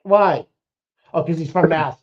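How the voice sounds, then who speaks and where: A man co-hosting a casual chat, excitable and profane, rambling with restarts. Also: a little high, unhurried. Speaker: co-host. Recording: muffled lo-fi stream audio.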